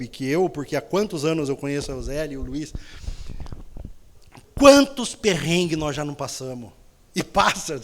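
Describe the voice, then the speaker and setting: Lively, teasing woman preaching with humor. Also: on the low side. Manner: playful storytelling, acts out voices, blunt teasing.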